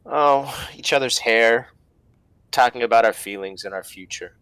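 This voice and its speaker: A man's voice: mid-range voice, normal speed, a bit bright, clear, resonant tone, no room sound, rough recording. A man chatting casually as a player in a tabletop game.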